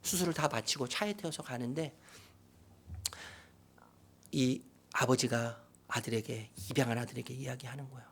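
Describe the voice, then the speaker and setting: A middle-aged man preaching a sermon as pastor, swinging from loud, animated outbursts to hushed whispers. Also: medium pitch, moderate pace, pauses often, breathy edge. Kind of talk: sermon with acted quotes. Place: church sanctuary.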